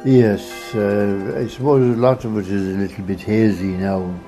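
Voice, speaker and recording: An older Irish man with a Kerry accent reminiscing in a hesitant, halting way. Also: on the low side, fairly even intonation, mellow, soft background music. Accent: County Kerry, Irish. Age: 60s or older. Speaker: interviewee. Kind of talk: unscripted reminiscence.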